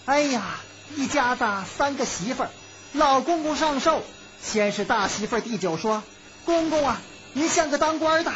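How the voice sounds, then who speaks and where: A woman storyteller voicing a chatty nun telling a lively joke. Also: high voice, normal speed, voice pushed up. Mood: joking. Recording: dull lo-fi recording with music.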